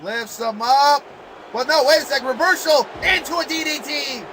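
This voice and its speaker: High-pitched male wrestling commentator, excitable. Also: moderate pace, background noise.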